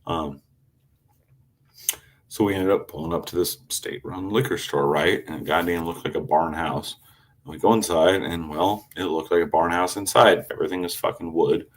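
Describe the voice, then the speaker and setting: A man chatting on a casual livestream, telling a rowdy story, cursing constantly, with loud animated outbursts when quoting himself. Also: sits low, moderate pace. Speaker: live streamer. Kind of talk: casual rambling livestream chat.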